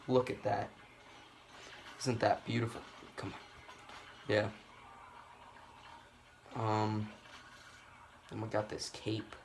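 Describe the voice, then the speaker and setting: A man's voice: on the low side, background noise. A man rambling through casual gameplay commentary, swearing freely and making self-deprecating asides. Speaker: gaming video host.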